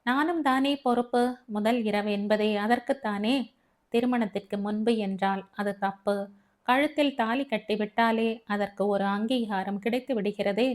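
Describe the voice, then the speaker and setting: A woman narrating a family novel as an audiobook, telling it in a steady way. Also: mid-range voice, a little slow. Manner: steady storytelling. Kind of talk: scripted narration.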